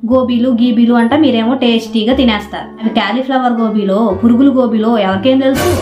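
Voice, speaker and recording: Fast-talking middle-aged woman lecturing, roomy sound. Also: a little high, steady tone. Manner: scolding, lecturing at length. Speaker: mother in a family skit. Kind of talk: scripted family skit dialogue. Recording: roomy, dull home recording with music underneath.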